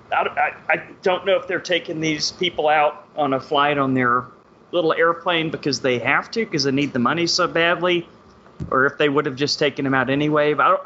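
Podcast guy going off about a terrible movie, bright voice, kinda lo-fi. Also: fairly high pitch, slight background noise. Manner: animated, laughing often, blunt opinions. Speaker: podcast co-host. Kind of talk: casual chat about films.

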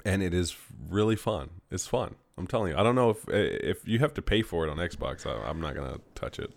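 Deep, animated male podcast co-host, teasing and laughing through casual banter. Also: a little fast, vocal fry. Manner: joking, teasing, laughs often.

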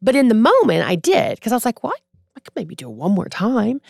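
A woman in her forties, a podcast guest, telling a personal story in a casual, animated way and acting out what others said. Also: a little high, a little fast, vocal fry, no echo, clean studio sound. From Texas. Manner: animated, acts out quoted voices.

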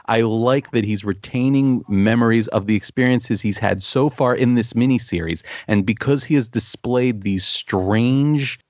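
A man's voice: mid-range voice, a little mellow, no echo. A man co-hosting a casual comics chat, enthusiastic and often repeating words while he searches for the phrasing. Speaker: podcast co-host discussing comics. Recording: dull, dry lo-fi sound.

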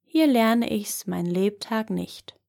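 A cocky young man from a storybook who is never afraid talks boldly and offhandedly, voiced by a woman narrating. His lines come slowly, with a gravelly texture in the voice. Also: medium pitch, animated, darkish tone. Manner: bold, offhand and unimpressed.

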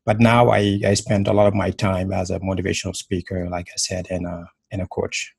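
A man's voice: deep voice, monotone, fairly quick, creaky, darkish tone, slightly rough. A man from Senegal, a guest on a podcast, telling his life story earnestly in conversation, often restarting and repeating words. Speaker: podcast guest, motivational speaker and life coach.

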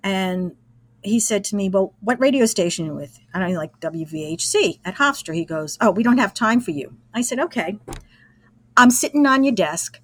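An American woman in her sixties from Brooklyn, New York, a former college radio engineer, reminisces casually as an interview guest, easygoing as she tells anecdotes. Her mid-range voice has lively intonation and a moderate pace, with no room sound.

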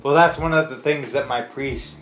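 A man's voice: medium pitch, moderate pace, fairly bright tone, roomy sound, soft background music. A man being interviewed as a guest, speaking in an easygoing, hesitant way with frequent "you know". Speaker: podcast guest. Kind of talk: casual interview chat.

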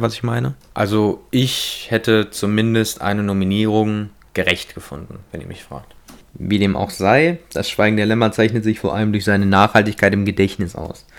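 A man with a fairly low voice delivers a scripted film review for his channel. His delivery is measured and analytical, as he weighs up each aspect before giving his verdict.

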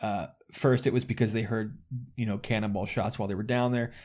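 A man guesting on a podcast, telling rambling, animated stories and laughing often. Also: lowish voice, fairly quick. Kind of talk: casual gaming podcast chat.

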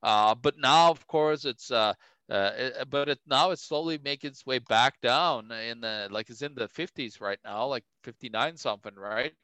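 A man's voice: mid-range voice, normal speed, pushed and bright, clear, resonant tone, dry recording. A man co-hosting a casual podcast, chatty and full of "like" and "you know". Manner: chatty, heavy on "like" and "you know", laughs often. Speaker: co-host.

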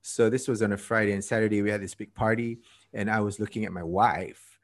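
A Malaysian man in his fifties, a TED speaker appearing as a podcast guest, tells his story casually, laughing at himself and often trailing off. His voice sits on the low side, with fairly even intonation and a fairly quick pace.

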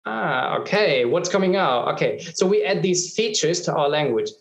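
A man speaks as a guest expert, explaining things patiently and often pausing on filler ums and restarts. His voice sits a little high. The recording has a noticeably roomy echo. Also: lively intonation, gravelly. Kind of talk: explanatory conversation.

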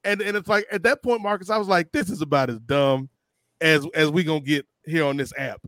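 A man's voice: fairly high pitch, brisk, fairly bright tone, dry recording. A man hosting a podcast in casual chat, rambling and joking as he passes questions to guests. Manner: rambling, joking, laughs at his own jokes. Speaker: podcast host.

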